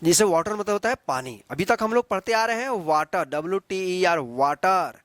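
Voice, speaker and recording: High-voiced man teaching English pronunciation. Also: animated, a bit bright, no room sound. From Bihar, India. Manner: repetitive, asks questions and answers them himself; spells words letter by letter slowly. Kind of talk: classroom-style spelling and pronunciation lesson.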